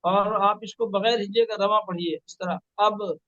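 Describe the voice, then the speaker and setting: A man teaching Quran reading one-on-one, patiently correcting and spelling out sounds slowly. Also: sits high, steady tone, a bit bright, no echo, dull audio. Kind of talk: one-on-one recitation lesson.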